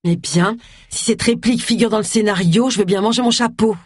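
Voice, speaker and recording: A woman reading aloud voices a bossy amateur woman detective who talks briskly and gives orders. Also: medium pitch, a little mellow, breathy edge, no echo, studio quality, pitched above the performer's own voice, close to an everyday voice. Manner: brisk and commanding.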